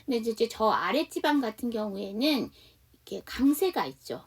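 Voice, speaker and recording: A woman with a Seoul accent teaching an online English conversation lesson, patiently explaining and slowly modelling sentences. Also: on the high side, very animated, slightly rough, recorded from a distance. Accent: Seoul Korean.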